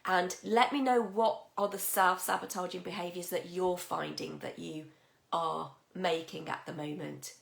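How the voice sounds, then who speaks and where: A woman leads a live coaching session in a husky, croaky voice with a gravelly edge. She chats encouragingly and greets viewers by name, her voice ringing a little in an echoey room. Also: on the low side, steady tone, unhurried. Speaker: mindset coach. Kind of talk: live-stream coaching talk.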